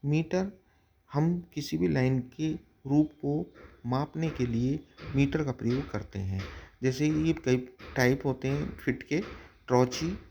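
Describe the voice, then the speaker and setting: A man's voice: on the high side, slow, vocal fry, mellow, slightly rough. A man teaching a lecture on poetic devices, methodically listing terms one by one.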